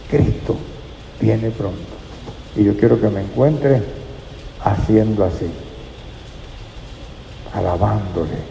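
Gravelly-voiced preacher in an echoey hall. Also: male voice, on the low side, dark tone, slight background noise. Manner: earnest, addresses listeners as brother. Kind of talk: sermon. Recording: echoey hall with faint ambience.

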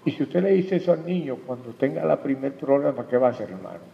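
A male preacher with a gravelly, fry-laced voice, speaking to his congregation and often asking them questions and calling them brother. The sound is lo-fi and dull, and his voice rings with long reverb from a church hall. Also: medium pitch, very animated, fast. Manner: addresses the congregation directly with questions and "hermano". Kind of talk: sermon.

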